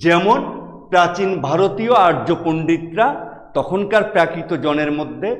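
A middle-aged man from Bangladesh, a Bengali professor giving a classroom lecture, explaining slowly and repeating key words. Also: a little high, animated. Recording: echoey hall reverb.

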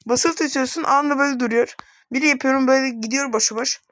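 A woman's voice: high-pitched, quick pace. A young woman streaming a game, complaining in exasperated, frustrated commentary and talking back to the game. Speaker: gamer streaming gameplay. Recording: loud background noise with clicks.

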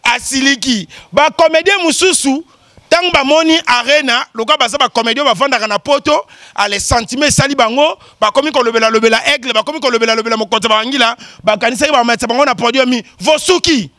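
A man with a very high, bright voice hosts the show with lively commentary. He teases and jokes, often stopping to exclaim and laugh. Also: fast, dry recording, clean studio sound. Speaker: show host. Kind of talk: animated commentary.

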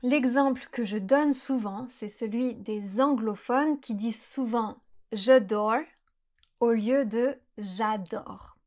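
French teacher woman, light higher voice. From France. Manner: clear, careful pronunciation with slowed examples. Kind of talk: explanatory lesson to camera.

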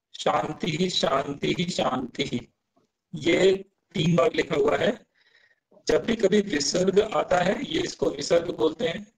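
A man teaching a class, explaining pronunciation step by step, pausing to ask his students questions and reciting verses syllable by syllable. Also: on the high side, creaky, low-quality recording. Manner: patient, stepwise, asks students questions. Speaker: Sanskrit teacher.

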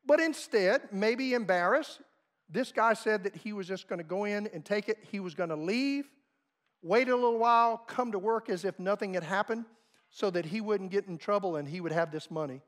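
A man preaching a sermon, telling stories with emphasis and big swings between loud and soft. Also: high voice, moderate pace. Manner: storytelling, emphatic, dramatic swings in volume. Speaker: pastor.

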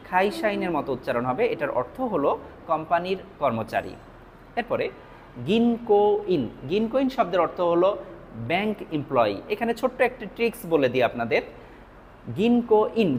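A man with a Bangladeshi Bengali accent teaching Japanese vocabulary, repeating each word and its meaning slowly. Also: high voice, a little hiss or hum. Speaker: language teacher. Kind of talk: vocabulary lesson.

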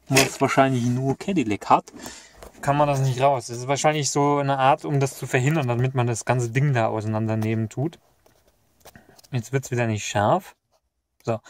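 A man's voice: mid-range voice, slight background noise. A young man thinking aloud with fillers as he takes apart a parked car's dashboard, recorded on a camera inside the car. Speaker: car hobbyist vlogger. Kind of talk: casual how-to commentary while working. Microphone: action camera mounted in the car.

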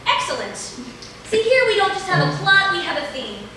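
A young woman playing a brisk, wry playwriting lecturer in a live stage comedy sketch, lecturing with dry asides, recorded from far off in a theater. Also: extremely high pitch, very animated, pushed and bright, exaggerated voice. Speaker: stage actor. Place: large indoor theater stage. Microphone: distant camera mic. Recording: echoey hall from far off, noisy.

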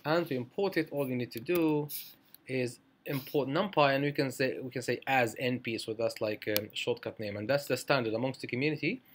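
A man's voice: mid-range voice, brisk, slight background noise. A man teaching a programming tutorial over a screencast, talking it through with many fillers and self-corrections. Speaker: programming instructor.

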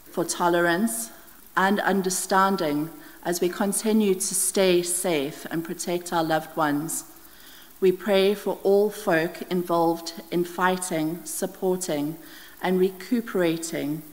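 A middle-aged woman from the Scottish Highlands reading prayers aloud at a church lectern, steady and careful, with small slips as she reads. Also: slow pace. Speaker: prayer leader. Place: church hall with brick wall, indoors. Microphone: stand mic at lectern, wide camera. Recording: long hall reverb.

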